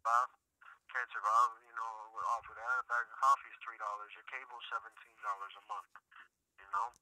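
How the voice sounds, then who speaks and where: A man, an inmate on a prison phone, talking casually in slangy, halting speech over a thin, tinny line. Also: lowish voice, fairly even intonation, bright, forceful tone, no echo. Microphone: telephone handset.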